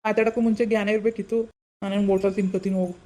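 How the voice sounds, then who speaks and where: A man's voice: sits high, flat delivery, racing, darkish tone, close to an everyday voice. A voice actor playing a blunt, practical village husband in a cartoon who lectures and nags his wife. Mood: grumbling. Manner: nagging, lecturing. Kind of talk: Kannada cartoon voice acting.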